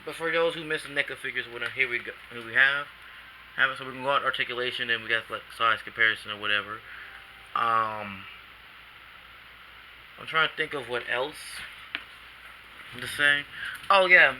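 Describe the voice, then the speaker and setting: A man with a sharp, mid-range voice reviews an action figure at home at normal speed, pausing frequently. He's slightly groggy after a nap, rambling casually in slang and often starting sentences over. The low-quality camcorder recording has a little hiss or hum.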